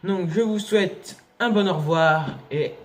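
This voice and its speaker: A young man giving excitable let's play commentary, yelping and laughing at enemies. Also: high-pitched, measured pace. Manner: excitable, shouts and yelps at enemies, laughs often. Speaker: gaming youtuber.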